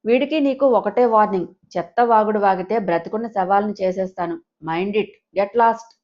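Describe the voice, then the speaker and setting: A woman voicing a furious young man who threatens and shouts to protect his mother. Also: mid-range voice, normal speed, muffled recording, natural voice.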